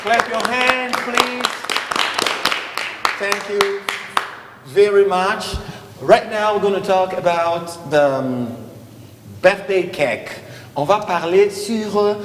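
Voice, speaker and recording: A man from Congo leading a lesson with children, coaxing them and repeating prompts loudly. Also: high-pitched, a little hiss or hum. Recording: echoey hall from far off.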